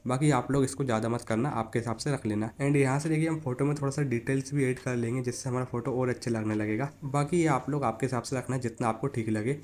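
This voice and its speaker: Fast-talking casual tutorial man. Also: medium pitch, fairly even intonation, darkish tone. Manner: casual and chatty, calls viewers "buddy" (यार); instructive, repeatedly tells viewers to look. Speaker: photo editing tutorial host. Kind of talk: step-by-step app tutorial narration.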